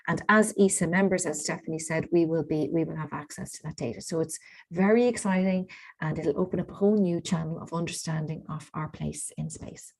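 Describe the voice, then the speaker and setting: Chatty woman hosting, lowish voice. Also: a little mellow. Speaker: event host. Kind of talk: informal event hosting.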